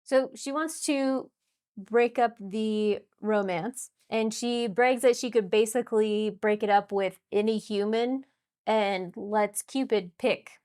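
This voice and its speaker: A woman's voice: medium pitch, slow pace, a little mellow. A woman co-hosting a podcast, casually recapping a TV episode in a chatty, explaining way. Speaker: podcast co-host.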